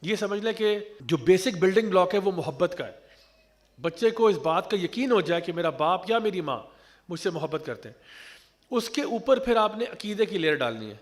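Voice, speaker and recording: High-voiced man giving an earnest talk. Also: animated. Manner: earnest, explanatory, mixes English terms into speech. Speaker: Islamic speaker. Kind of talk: Urdu religious talk on parenting.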